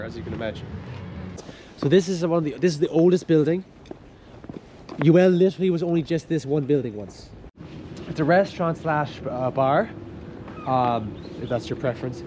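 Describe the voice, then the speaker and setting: A man's voice: fairly high pitch, brisk. A young man giving an informal, enthusiastic walking tour, explaining things in a chatty, loosely phrased way. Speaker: campus tour guide, student. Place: outdoors, walking around a campus. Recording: noisy outdoor recording with traffic. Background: clear urban ambience and traffic noise.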